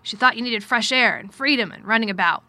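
A woman acts out a miserable, distracted gentleman from a storybook. He is fretful and curt, speaking in abrupt, emphatic bursts with a bright, forceful edge. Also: a little high, fairly quick, dry recording. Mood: worried, insistent.

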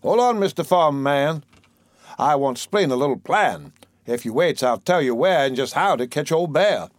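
A man's voice: fairly high pitch, animated, normal speed, no echo, clean studio sound, close to an everyday voice. A man putting on a sly little weasel. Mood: scheming. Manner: crafty, persuasive, sly. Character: small, sly male weasel schemer.

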